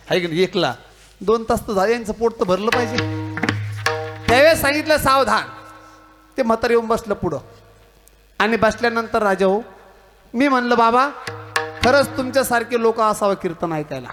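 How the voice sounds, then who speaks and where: A man's voice: high voice, normal speed, long pauses, fairly bright tone, soft background music. A man with a Marathi accent, preaching a devotional kirtan full of jokes, stories and acted-out dialogue. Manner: storytelling with jokes and mimicry, teasing the audience. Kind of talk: humorous devotional sermon.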